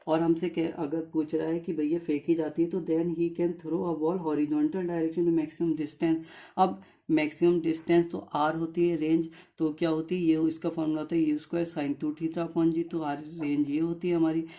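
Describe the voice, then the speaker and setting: A man's voice: a little high, level tone, normal speed, mellow, dull audio. A man teaching maths, working through exam questions step by step and speaking directly to his students. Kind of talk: exam paper solution lesson.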